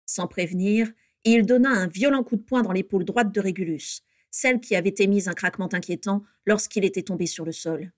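A woman reading a story aloud with steady, measured narration. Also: mid-range voice, no room sound, studio quality.

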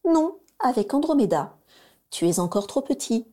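A woman voicing a cheerful, affectionate mother who gently coaxes her children in a storybook reading. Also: a little high, sing-song, normal speed, pitched above the performer's own voice. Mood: cheerful coaxing.

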